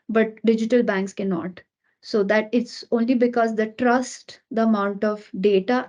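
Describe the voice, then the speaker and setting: Higher-voiced woman presenter, dull audio. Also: warm tone. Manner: explanatory, formal, with self-corrections. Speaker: seminar presenter. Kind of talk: answering audience questions.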